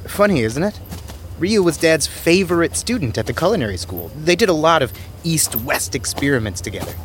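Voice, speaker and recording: Brief: a man playing a flustered, doting son, lively pitch. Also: a little fast, slight background noise. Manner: eager, slightly flustered. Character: eager affectionate grown son. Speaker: son and husband.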